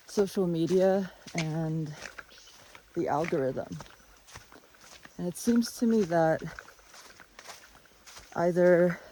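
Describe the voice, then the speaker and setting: Someone musing aloud in a halting, casual way while walking through the jungle with a phone on a selfie stick. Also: medium pitch, darkish tone, poor audio. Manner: unhurried, musing, halting delivery. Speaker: vlogger. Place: outdoors in the jungle by a river. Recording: outdoor phone audio with faint natural noise.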